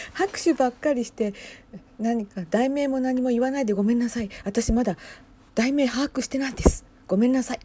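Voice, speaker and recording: A woman hosting a casual talk, commenting in hushed whispers while she watches a concert stream at home. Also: fairly high pitch, normal speed, a little hiss or hum. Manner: speaks softly in hushed whispers; chatty, reacts aloud to what she sees. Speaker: podcast host watching a livestream.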